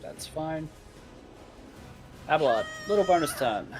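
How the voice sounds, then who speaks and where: A man with a fairly high, somewhat lively voice chats casually as he plays a video game. Faint music runs behind his commentary. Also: unhurried.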